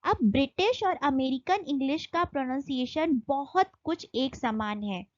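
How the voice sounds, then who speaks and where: A young Indian woman teaching an exam-prep lesson, reading English notes slowly and then explaining them in Hindi with fillers. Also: high voice, animated, no room sound, dull audio.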